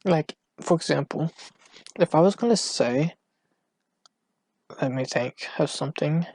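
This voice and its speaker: Recording at night from home on a cheap microphone, a man hosts his first solo podcast in a rambling, casual monologue. His voice is on the high side and husky with no echo, and he's hesitant and often out of breath, meandering with plenty of restarts and fillers.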